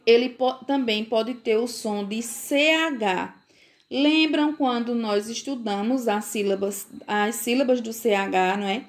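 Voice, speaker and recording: Slow, careful Brazilian teacher woman. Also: a little high. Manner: slow, careful pronunciation with frequent checks for understanding. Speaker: primary school teacher. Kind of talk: recorded online phonics lesson.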